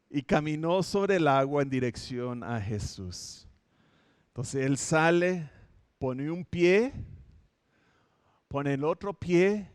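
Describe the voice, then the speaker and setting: A man's voice: a little high, smooth, no echo, clean studio sound. A man from Minnesota, a pastor giving a conversational sermon, telling the story with light humor and frequent self-corrections. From Minnesota, United States. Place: home setup for an online church service.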